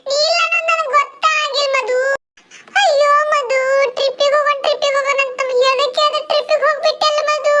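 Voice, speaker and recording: Squeaky, fretful village woman, as a voice actor puts her on. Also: fairly even intonation, a little fast, sharp tone. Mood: fretting. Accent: North Karnataka Kannada. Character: excitable young village woman on a scooter. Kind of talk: cartoon comedy dubbing. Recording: clear background noise.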